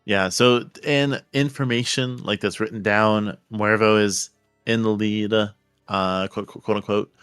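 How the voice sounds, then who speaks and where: A man's voice: fairly low pitch, steady tone, measured pace, a bit bright, smooth, no room sound, faint music behind. A man chatting casually as co-commentator on a live game race.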